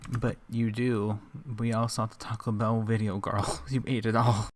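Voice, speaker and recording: A man's voice: on the low side, level tone, moderate pace, a little hiss or hum. A man giving casual reaction commentary, sarcastic and teasing, often laughing at what he watches.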